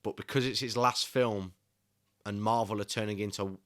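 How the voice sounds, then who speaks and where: A man's voice: lowish voice, fairly even intonation, normal speed, fairly bright tone. A young man giving a casual solo film review, ranting with passionate frustration. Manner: passionate, increasingly irate ranting.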